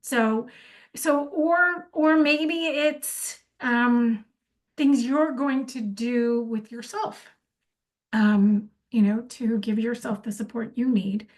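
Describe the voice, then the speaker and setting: A woman's voice: fairly high pitch, steady tone, slow pace. A woman giving an informal instructional talk on workplace conflict, conversational, with many fillers and restarts. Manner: acts out sample apologies in quoted speech.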